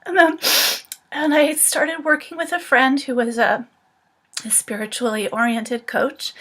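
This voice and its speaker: A woman's voice: high voice, fairly bright tone. A woman in her forties, an animal communicator, telling her personal story in an unscripted vlog, reflective and earnest, with plenty of fillers. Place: home, her room. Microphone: camera or phone facing her.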